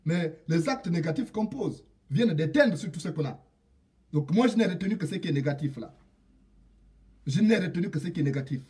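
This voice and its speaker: A man from Gabon delivers an indignant political rant straight at a leader, repeating his proverbs and key lines for weight. His voice sits high yet sounds dark and mellow. He is heard from some distance off the microphone. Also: lively intonation, fairly quick. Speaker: political commentator. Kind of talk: direct-address political rant.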